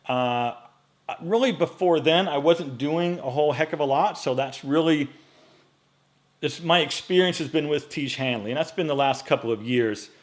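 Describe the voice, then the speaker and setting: A man in his late forties answering viewer questions in a casual vlog, relaxed and chatty with frequent fillers, recorded on a microphone in front of him in a home studio. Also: a little high, moderate pace. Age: 40s. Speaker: men's style YouTuber.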